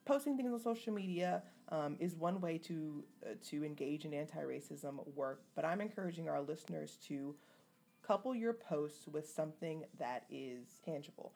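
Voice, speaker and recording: A woman co-hosting a podcast, talking casually and haltingly with frequent restarts. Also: low-pitched, expressive, vocal fry, mellow. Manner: halting, many fillers and restarts. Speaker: podcast co-host.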